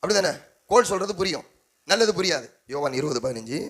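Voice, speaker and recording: A man's voice: a little high, animated, quick pace, a bit bright, slightly rough. A man preaching a sermon as pastor, with a Tamil accent, calling on the congregation to answer and repeating phrases in rising, rhythmic exhortation. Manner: call-and-response preaching, prompting the congregation.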